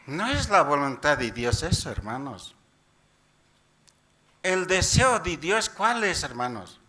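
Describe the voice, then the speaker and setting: Slow, bright-voiced preaching deacon. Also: male voice, a little high, sing-song. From Bolivia. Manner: repeatedly asks the congregation questions and keeps addressing them as brothers; tags sentences with "dice" while paraphrasing scripture. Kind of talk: Sunday church sermon.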